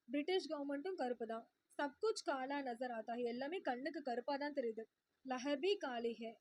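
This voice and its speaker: A woman tutor who reads out a poem line by line and paraphrases each line simply, in a steady, repetitive teaching cadence. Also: high voice. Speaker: Hindi exam tutor. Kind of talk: line-by-line poem explanation lesson.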